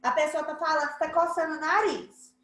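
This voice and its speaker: A woman's voice: high voice, steady tone, fast, a bit bright, reverberant, a little hiss or hum, poor audio. A woman teacher with a Brazilian accent explaining a lesson to children, playful and acting out examples. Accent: Brazilian Portuguese. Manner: playful, acts out examples in shifting voices. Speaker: schoolteacher. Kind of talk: online class explanation to children.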